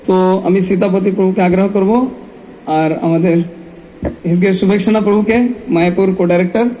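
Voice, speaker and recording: A man giving a spoken welcome as host of a religious event, speaking the halting Bengali of a non-native speaker. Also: high-pitched, fairly even intonation, mellow, rough recording. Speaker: event host and master of ceremonies at a religious festival.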